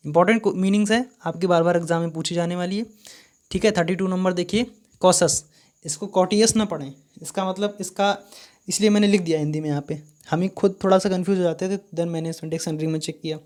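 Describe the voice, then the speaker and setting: A man's voice: high-pitched, a little mellow. A man runs a live online vocabulary lesson. He often stops to spell a word out letter by letter. He keeps asking his students what each word means. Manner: spells words letter by letter, repeats questions. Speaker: vocabulary teacher.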